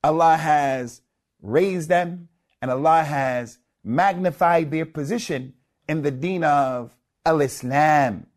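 A man's voice: fairly high pitch, slow. A man giving a religious lecture as a preacher, emphatic and repetitive, weaving Arabic phrases into his English. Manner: emphatic, repeats key words, weaves in Arabic phrases. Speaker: Islamic preacher.

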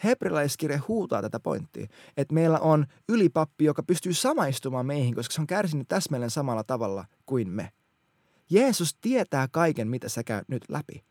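Male teacher, casual faith talk, earnest and colloquial, lively pitch, dry close sound. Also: dry recording. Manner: animated, colloquial, earnest, many restarts.

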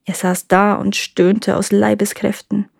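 Brief: a woman storyteller, calm and measured fairy-tale reading, close and dry. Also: mid-range voice, creaky, no echo. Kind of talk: reading a folk tale aloud.

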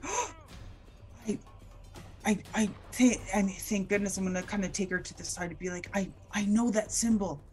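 A woman playing in a tabletop game, speaking casually with lots of hesitation and restarts. Her voice is mid-pitched. Faint music plays softly behind her. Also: animated, normal speed, pauses often. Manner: hesitant, stumbling, many restarts. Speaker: player.

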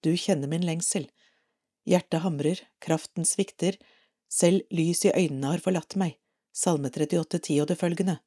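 A Norwegian woman reading a devotional article aloud for an audio edition of a parish magazine, calm and measured. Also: fairly low pitch.

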